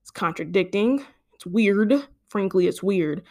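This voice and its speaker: A woman's voice: medium pitch, a little slow, mellow. A young woman hosting a solo podcast, speaking, rambling and exasperated, with many fillers and stumbles. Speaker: podcast host. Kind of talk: casual solo podcast monologue.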